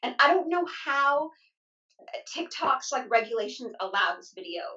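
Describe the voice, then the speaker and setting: A woman co-hosting a casual chat show, animated and fiery in her opinions. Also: high voice, moderate pace, far from the mic, highs cut off. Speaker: co-host. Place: in the United States.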